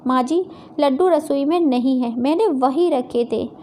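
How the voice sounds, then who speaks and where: A woman's voice: high-pitched, unhurried, mellow, slight background noise. A woman voicing a meek, dutiful young daughter-in-law who speaks politely and worriedly.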